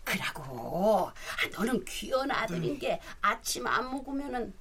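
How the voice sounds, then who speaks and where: Loud radio drama mom, played by a woman, high and sing-song, nagging nonstop, hissy recording. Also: big pitch swings, measured pace, full character voice. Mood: scolding. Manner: scolding, sighing, fussy. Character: nagging rural mother, loud and fussing.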